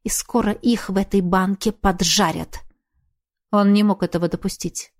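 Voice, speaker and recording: A woman's voice: medium pitch, steady tone, normal speed. A woman reading dramatic fiction as a scripted audiobook narrator.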